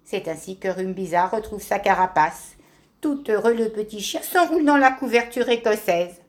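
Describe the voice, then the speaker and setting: A woman reading a children's story aloud in a gentle, expressive way. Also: medium pitch, normal speed.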